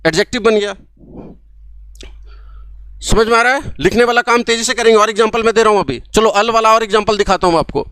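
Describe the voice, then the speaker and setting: A young man gives a grammar lesson straight to camera, setting up questions and answering them himself. His voice sits fairly high. The sound is dry and close, with no room echo. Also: fast talker, pauses often, a bit bright, clear, resonant tone. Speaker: English grammar teacher. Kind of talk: classroom lecture to camera. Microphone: camera mic, recorded for an app course.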